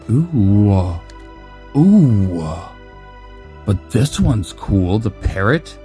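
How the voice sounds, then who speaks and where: A man's voice: on the low side, gravelly, a little mellow. A man in his forties from the United States, casually commenting while opening trading cards, joking, rambling and swearing freely. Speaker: card-collecting channel host.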